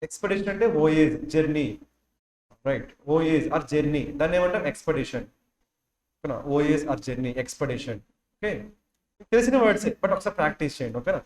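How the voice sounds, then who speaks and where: A man's voice: fairly high pitch, expressive, fast talker, darkish tone, echoey room. A male teacher giving a classroom vocabulary lesson, drilling words and asking students again and again to repeat and write them down.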